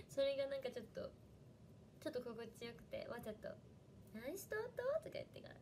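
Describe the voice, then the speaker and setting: A woman's voice: fairly high pitch, normal speed, pauses often, slight background noise. Chatty young woman with a Hiroshima lilt. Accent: Hiroshima dialect. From Fukuoka, Japan. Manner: chatty and animated, thanking viewers by name. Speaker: idol trainee livestreamer. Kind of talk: casual livestream chat.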